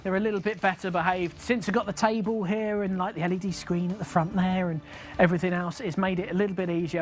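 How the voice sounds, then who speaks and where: A chatty bingo caller hosts a live game show with music playing behind. The mid-pitched voice mixes casual patter with number nicknames, repeating each call to draw out the suspense. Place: studio.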